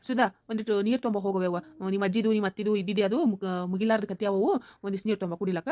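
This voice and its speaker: A woman's voice: mid-range voice, steady tone, quick pace, mellow, no room sound, close to an everyday voice. A woman voicing an exasperated old grandfather who chides his wife, with a North Karnataka Kannada accent. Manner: exasperated, chiding.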